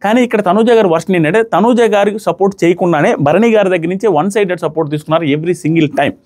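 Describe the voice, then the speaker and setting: A man giving a casual commentary recap of a reality show, quickly acting out what the contestants said. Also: high voice. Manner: rapid animated recap, acting out contestants' words. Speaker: show reviewer.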